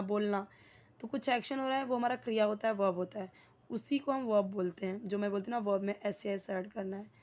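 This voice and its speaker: A young woman with an Indian English accent, teaching an English grammar lesson. She explains slowly, asks the class questions and repeats key words. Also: medium pitch, a little mellow.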